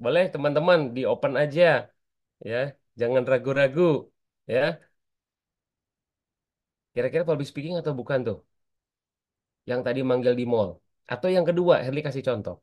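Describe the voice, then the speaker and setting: A man's voice: medium pitch, normal speed, pauses often, dull audio. A man teaching an online public speaking class, chatty and constantly asking his students for answers.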